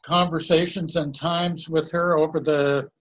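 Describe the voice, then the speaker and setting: A man from Canada in a casual conversation, introducing friends in a halting, complimentary way. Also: a little high, flat delivery, highs cut off. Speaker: guest and co-host introducing friends.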